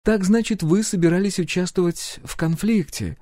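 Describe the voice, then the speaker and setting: A proud empress, read by a man in a storybook, pitched well above his own voice. She talks with cool, insistent politeness that hardens into commands. The sound is dry and close. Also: normal speed, mellow, dry recording, natural voice. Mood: coolly insistent. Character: proud imperious empress, middle-aged woman.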